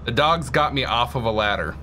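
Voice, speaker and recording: A man's voice: medium pitch, animated, a little fast, bright, forceful tone, a little hiss or hum. A man hosting casual gameplay commentary, chatty and thinking aloud as he plays. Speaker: gaming channel host.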